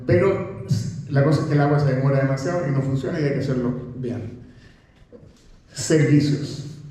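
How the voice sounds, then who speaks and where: An older man with a Chilean accent, a professor giving an animated, conversational talk to an audience, full of rhetorical questions and restarts. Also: mid-range voice, moderate pace, slight background noise. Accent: Chilean Spanish. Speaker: professor speaking at a book presentation. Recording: very echoey room.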